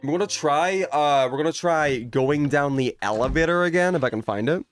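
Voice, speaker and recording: A young man with a fairly high voice livestreams a horror game at a moderate pace, with faint music in the background. He chats casually with his viewers, reading and answering their messages, teasing them playfully and swearing a little.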